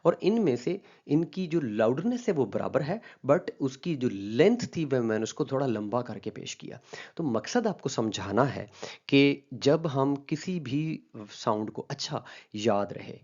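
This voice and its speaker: A man's voice: mid-range voice, very animated, measured pace, a little mellow, muffled recording. A man giving an explanatory linguistics lecture. He mixes in English terms and often stops to check that the listener is following. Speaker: linguistics teacher.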